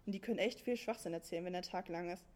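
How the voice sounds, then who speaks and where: A woman's voice: on the low side, very fast, a little mellow, natural voice. Woman doing a naive cheerful son. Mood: eager. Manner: naive enthusiastic slang. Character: dim cheerful young son.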